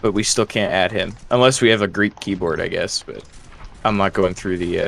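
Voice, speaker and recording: A man's voice: low voice, fairly even intonation, normal speed, gravelly, fairly bright tone, a little hiss or hum. A man chatting casually with friends over voice chat during a game, often trailing off and restarting. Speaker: gamer on voice chat.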